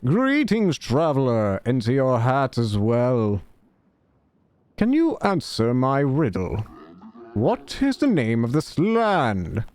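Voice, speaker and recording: A man voicing a stately riddling sphinx from a video game, speaking in a slow, formal, drawn-out way. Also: mid-range voice, wildly swooping pitch, a little mellow. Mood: stately, testing. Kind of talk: video game dialogue read aloud in character.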